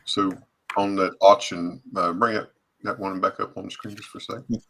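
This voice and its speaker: A man's voice: sits low, little pitch movement, moderate pace, gravelly, a bit bright. A man hosting a live stream in casual, conversational talk, with some noise and clicking behind him. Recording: noisy background with clicks.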